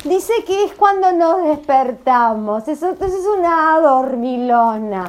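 High-voiced playful teacher. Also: female voice, lively intonation, unhurried. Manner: playful, theatrical, acts out sounds for children. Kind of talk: classroom voice exercise with children.

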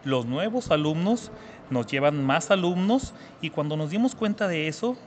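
A man's voice: a little high, lively intonation, normal speed, a little mellow, a little hiss or hum. Earnest Mexican man in his thirties. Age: 30s. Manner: earnest, repeats words for emphasis. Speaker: guest entrepreneur. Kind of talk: interview answers.

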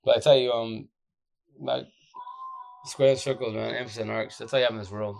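A man with a deep, groggy, exhausted voice giving casual, blunt relationship advice off the cuff in slangy, repetitive phrases. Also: steady tone, brisk, creaky, darkish tone, slight background noise. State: exhausted, short of sleep. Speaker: social media advice streamer.

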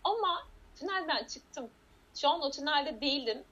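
A woman's voice: high voice, animated, normal speed, fairly bright tone. A woman in a casual conversation, talking in an earnest, reflective way as a guest. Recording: dull lo-fi sound.

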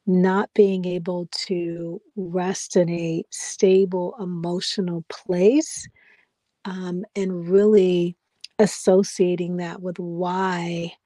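A woman's voice: lowish voice, mellow, no room sound. A woman podcast host asking reflective, affirming questions. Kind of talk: conversational interview.

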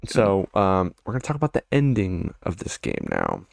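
A young man with a low voice talking casually on a podcast, recorded dry and close. He is relaxed and slangy, tossing in "bro" and "dude" as he goes. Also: moderate pace, vocal fry, no echo. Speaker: podcast co-host. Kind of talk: casual chat.

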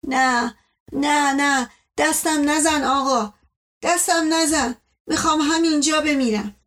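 A woman's voice: sits high, fairly bright tone, pitched above the performer's own voice. A woman voicing a groaning old servant man. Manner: moaning, self-pitying, rustic speech.

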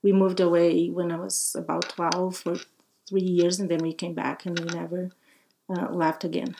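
A woman's voice: fairly low pitch, level tone, moderate pace, creaky, dark tone, slight background noise. Woman from Brazil, friendly guest. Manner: friendly, laughs often, simple phrasing. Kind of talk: casual interview talk.

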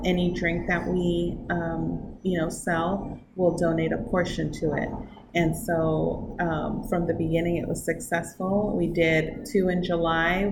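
Guest: chatty woman in her forties, lower voice, echoey room with noise behind. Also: vocal fry. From New York. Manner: chatty, laughs often, many fillers. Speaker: coffee shop owner, guest. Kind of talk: casual interview.

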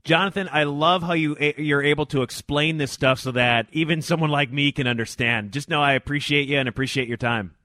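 A man's voice: a little high, brisk, hardly any pauses, sharp tone, no room sound. An American man hosting a casual interview, informal and rephrasing his questions as he goes. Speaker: podcast host.

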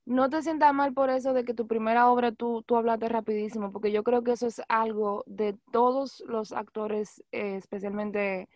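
A woman's voice: on the high side, steady tone, moderate pace, hardly any pauses, darkish tone, dry recording. Chatty Dominican woman podcast guest. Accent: Dominican Spanish. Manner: chatty, loose, full of fillers like "como que". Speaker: podcast guest, news anchor and actress. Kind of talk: casual podcast chat.

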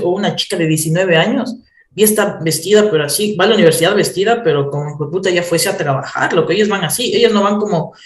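Laughing while he tells stories, a guest with an Ecuadorian Spanish accent chats casually in a voice that sits high. The recording carries a roomy echo plus a little hiss or hum.

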